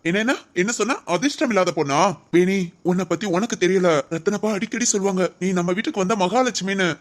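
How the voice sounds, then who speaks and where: A woman's voice: mid-range voice, fast, close to an everyday voice. A woman voicing a young husband in a family audio drama, teasing and reassuring his wife. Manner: scolding yet affectionate, reassuring.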